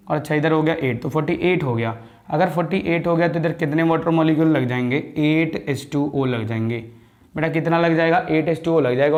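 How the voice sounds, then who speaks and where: A man's voice: fairly high pitch, gravelly, a little mellow. A male chemistry teacher lecturing in a voice that sits a little above the usual for a man. He fires questions at his class and answers them himself, calling his students "beta" as he walks them through each step. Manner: calls students "beta" and "bhaiya".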